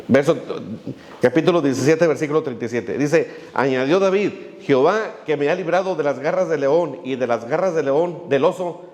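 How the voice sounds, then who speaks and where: Pastor guy preaching, kinda high voice, chatty with lots of "este", long church echo. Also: darkish tone. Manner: folksy, many fillers, jokes while telling a story. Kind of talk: sermon with storytelling.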